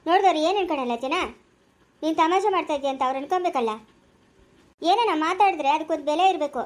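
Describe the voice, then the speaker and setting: A woman acting a stern village wife who scolds and moralizes in sharp, rapid-fire questions, with a rural Chikkaballapura Kannada accent. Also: extremely high pitch. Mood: lecturing. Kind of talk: village family skit acting.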